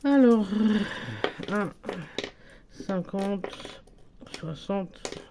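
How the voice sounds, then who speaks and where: Over background noise, a French-accented woman with a cold fills budget envelopes for her budgeting vlog. Her medium-pitched voice is expressive and draws words out, and she talks casually and hesitantly, often correcting herself and using fillers.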